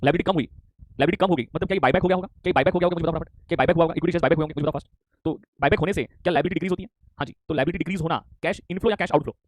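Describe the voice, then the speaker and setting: A man's voice: on the high side, no room sound. A man teaching a live online class, teasing students and reading their chat replies aloud while repeating his questions. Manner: repeats questions rapidly, pressing for answers. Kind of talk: live online commerce lecture in Hinglish.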